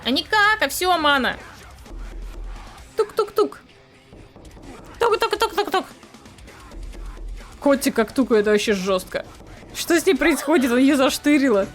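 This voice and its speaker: A woman reacts to clips in a casual, playful way, like a cute anime streamer. Her voice sits high, and there is light music behind her. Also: sing-song, brisk, a bit bright. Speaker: streamer reacting to a clip compilation. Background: music and sounds of watched clips.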